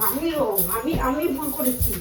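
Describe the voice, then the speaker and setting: A woman's voice: high voice, normal speed, crowd noise. A woman, a wife, scolding her husband in a heated argument at home at night, repeating herself. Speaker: wife being pranked. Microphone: ceiling-mounted camera, far off. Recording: echoey room, far mic, loud background noise.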